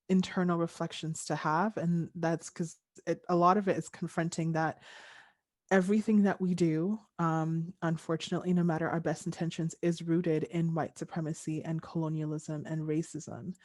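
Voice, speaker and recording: A young woman from Tanzania speaks low and level, with very little rise and fall. Her pace is thoughtful and earnest, broken by frequent ums as she reflects. The sound is dry and close, as on a video call. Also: a little mellow, no echo. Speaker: panelist. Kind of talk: reflective panel discussion.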